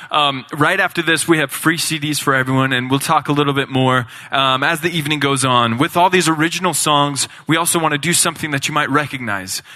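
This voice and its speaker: A man's voice: fairly high pitch, bright, forceful tone. A man from a gospel band speaking earnestly from a church stage, quizzing the crowd, with many ums. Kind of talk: stage introduction to a church audience.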